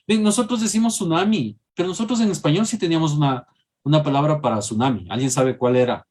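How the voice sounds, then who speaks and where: A husky-voiced man. He lectures a classroom in an engaging way, often tagging his points with a quick question to the students. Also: fairly high pitch, a little mellow. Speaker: teacher.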